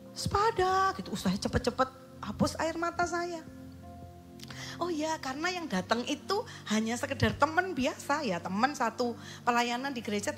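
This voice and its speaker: A woman pastor, telling her testimony in an emotional, storytelling sermon to a congregation at a church. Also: high voice. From East Java, Indonesia. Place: church at a night worship service. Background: soft worship music.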